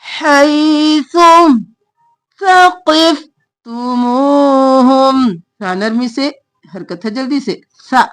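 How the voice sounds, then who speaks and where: Female tajweed teacher, high-pitched and slow-paced, reciting word by word and explaining the rules between words. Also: faint music behind. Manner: slow drawn-out recitation alternating with quick spoken explanations.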